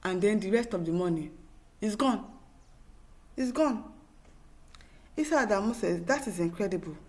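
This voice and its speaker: This talk show host, a woman with a Nigerian accent, reads viewer comments during opinionated news commentary in an expressive, medium-pitched voice with a darkish tone at normal speed. She sounds emphatic and exasperated, repeating herself and posing rhetorical questions.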